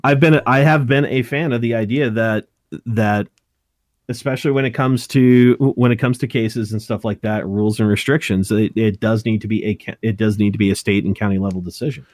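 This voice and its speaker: A man's voice: fairly low pitch, fairly even intonation, darkish tone, dry recording, clean studio sound. A man in his thirties from Montana, co-hosting a casual talk show, often restarting and correcting himself as he goes. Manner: halting, many restarts and self-corrections. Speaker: podcast co-host. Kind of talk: casual chat.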